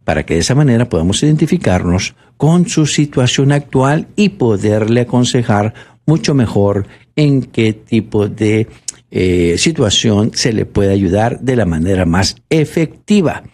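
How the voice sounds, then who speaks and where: A man's voice: fairly low pitch, lively intonation, a little slow, darkish tone. A man talking on the radio for a bank, persuasive and repetitive, with frequent fillers. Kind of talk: radio promotional talk.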